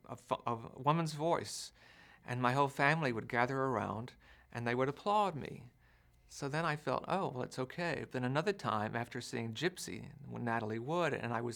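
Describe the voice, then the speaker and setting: Gravelly man in his sixties, reflecting. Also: medium pitch, a bit bright. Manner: searching, questioning. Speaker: documentary interviewee. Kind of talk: reflective interview.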